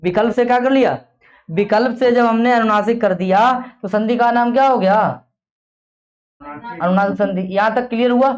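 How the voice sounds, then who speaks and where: Drilling his class with questions he asks over and over, a male teacher gives a grammar lesson in a high voice at normal speed. The recording quality is dull and lo-fi.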